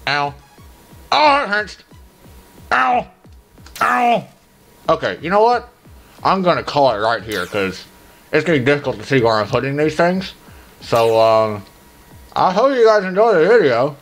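A man in his thirties hosts a gaming challenge in a casual, halting way. His mid-range voice swings widely, jumping into exclamations and dropping into muttered asides. Faint music plays behind him as he talks from a small room. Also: medium pitch, big pitch swings. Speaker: gaming video host. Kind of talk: casual challenge gameplay commentary.

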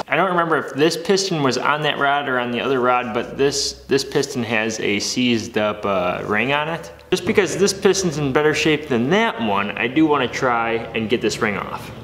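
This upbeat, joking young man in his twenties runs an energetic workshop vlog from his garage, with a motivational streak. He speaks into a close, moving handheld camera at medium pitch, expressively and at a moderate pace with few pauses. The sound is a bit bright, with slight background noise.

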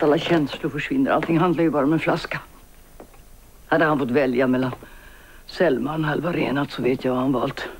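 An actress in her sixties playing a guilt-ridden older woman writer who makes a hushed, halting, often whispered confession in a TV drama. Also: low-pitched, a little hiss or hum, natural voice. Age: 60s. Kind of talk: 1990s Swedish TV drama acting.

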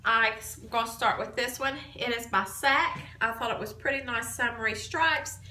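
Woman with a cold, fairly high voice, bright tone, chatty handbag haul, echoey home room, phone at arm's length. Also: moderate pace. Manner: chatty, detailed, upbeat. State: has a cold, coughing. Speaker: vlogger. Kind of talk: casual handbag haul show-and-tell. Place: small room at home, indoors. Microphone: phone camera at arm's length.

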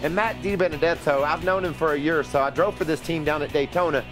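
A man's voice: fairly high pitch, steady tone, fast, over music. A man, a race analyst, giving broadcast commentary about a driver.

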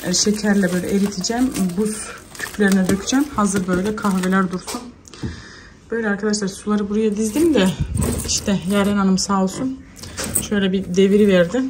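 A woman's voice: mid-range voice, fairly even intonation, fairly quick, background noise. A woman in her thirties with a Turkish accent, chatting to viewers in a casual home vlog while she cleans and calls after her kids. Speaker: vlogger, mother.

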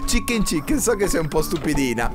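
A man with an Italian accent giving playful, excitable commentary on a game, teasing the creatures and slipping into sing-song and shouts. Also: on the high side, fairly quick. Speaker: gaming YouTuber. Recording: music playing behind.

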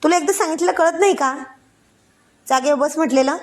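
Woman doing a young husband, stern but sweet, story read aloud, voice on the high side. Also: normal speed. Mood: irritated. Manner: scolding.

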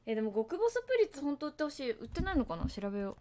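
Chatty woman livestreaming, slightly high voice. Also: very animated, very fast, warm tone, slight background noise. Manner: rambling, chatty, talks to viewers and laughs at herself; hums and sings along to songs between topics. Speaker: livestream host. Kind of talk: casual livestream chat.

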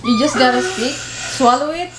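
A woman's voice: high voice, moderate pace. A woman chatting casually and giggling lightly off camera. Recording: echoey room, clear background noise.

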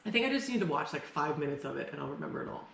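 A woman's voice: deep voice, lively intonation, very fast, gravelly, a bit bright. A tipsy woman in her thirties chatting casually and swearing freely as she co-hosts a film review, gushing and repeating herself for emphasis. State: tipsy, a little drunk. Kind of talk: casual, sweary couple chat about films. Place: open living and dining room at home. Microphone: camera mic a little way off on the table. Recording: roomy, distant mic, some background noise.

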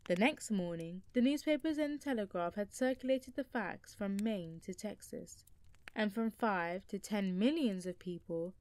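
A woman reading a classic nonfiction book aloud as an audiobook narrator, in a steady, measured way. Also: medium pitch.

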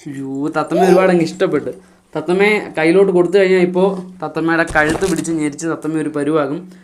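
A man's voice: fairly high pitch, steady tone, fast, a little hiss or hum. Coaxing man in sing-song baby talk. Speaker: vlogger playing with a toddler.

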